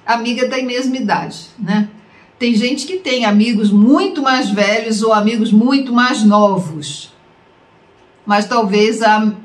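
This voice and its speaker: Brazilian woman teaching in a roomy echo. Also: medium pitch. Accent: Brazilian Portuguese. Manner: conversational, addresses listener directly with rhetorical questions. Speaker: online course teacher. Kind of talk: spoken lecture to camera.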